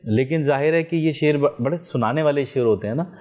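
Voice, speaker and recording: A man's voice: on the high side, fairly quick, dark tone. A man judging a recitation contest, giving encouraging advice to a young performer. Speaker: competition judge.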